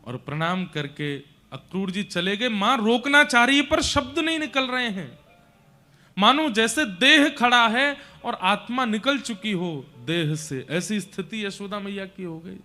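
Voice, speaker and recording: High, bright-voiced devotional storyteller man. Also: lively intonation, unhurried, soft background music. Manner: emotive, dramatic narration.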